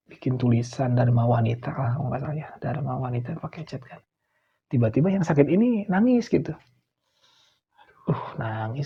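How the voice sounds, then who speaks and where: A middle-aged guest storyteller from West Java, Indonesia, with a Sundanese accent, tells an eerie story in a casual chat, animatedly acting out what people said and sometimes sinking to a near whisper. His medium-pitched voice is gravelly and slightly rough, and the recording sounds dull and lo-fi.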